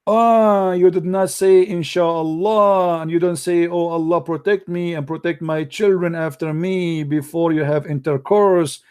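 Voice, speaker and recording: A man's voice: a little high, fairly even intonation, measured pace, few pauses, darkish tone, clean tone, lightly acted. A man putting on the voice of a petty, punishing male god who scolds a worshipper in an exaggerated, mocking tone. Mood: mock scolding.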